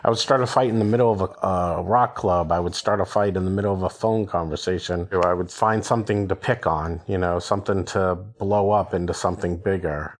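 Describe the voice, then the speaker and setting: A man with a very low voice speaks candidly in an interview. He talks in a reflective way. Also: steady tone, fairly quick, few pauses.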